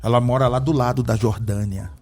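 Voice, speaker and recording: A man's voice: mid-range voice, fairly even intonation, fairly quick, creaky, darkish tone, faint music behind. A man from Brazil, an apostle guest, talking about faith in a fervent, preaching way and firing off rhetorical questions. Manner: fervent, emphatic, often asks rhetorical questions. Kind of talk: religious conversation with preaching.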